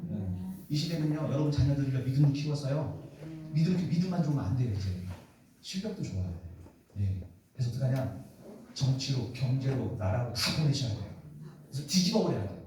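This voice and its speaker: A man's voice: medium pitch, sing-song, a little fast, darkish tone, slight background noise. A man preaching at a revival meeting in a church, repeating phrases and asking the congregation rhetorical questions. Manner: talks directly to the congregation, teasing and joking. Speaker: pastor. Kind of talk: revival sermon. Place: church sanctuary. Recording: very echoey hall, voice far from mic.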